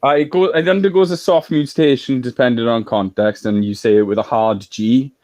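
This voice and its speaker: A man's voice: mid-range voice, steady tone, normal speed, darkish tone, dry recording. A man from Wales in a political discussion, explaining at length in a lecturing way.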